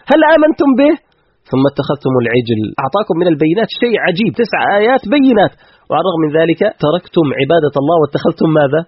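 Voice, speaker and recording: A man's voice: high-pitched, breathy edge, no room sound, lo-fi sound. A man as guest scholar explaining scripture in a religious lecture, emphatic and full of rhetorical questions.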